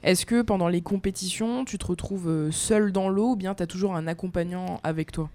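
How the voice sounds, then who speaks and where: A woman interviewer asking a guest open, measured questions. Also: fairly low pitch, dark tone.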